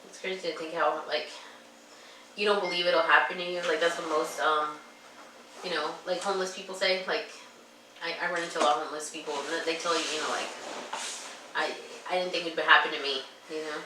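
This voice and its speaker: A woman's voice: sits low, fairly even intonation, fairly quick, background noise. A woman in her twenties speaking frankly and giving her opinions in a casual podcast chat. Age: 20s. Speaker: podcast co-host. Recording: echoey room, distant mic.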